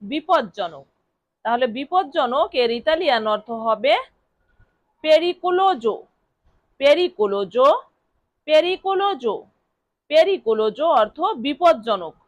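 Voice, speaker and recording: In this vocabulary lesson, a woman teacher speaks in a high, animated, unhurried voice with long pauses, and there is no echo. Every word gets said several times and spelled letter by letter, and she answers her own questions.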